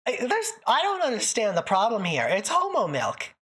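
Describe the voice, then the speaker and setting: Her voice is on the high side with wildly swooping pitch, fairly bright with a breathy edge, at normal speed. A woman from northern Canada, she hosts a livestream in a thick, put-on-sounding accent, casually answering viewers and joking and laughing often.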